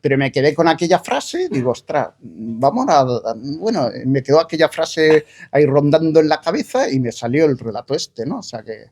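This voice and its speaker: A man talks about his own writing at a book presentation. His voice is warm and mellow, and he thinks aloud with frequent fillers and restarts. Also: on the high side, animated, a little fast, few pauses. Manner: hesitant, thoughtful, many fillers and restarts. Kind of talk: conversational book presentation talk.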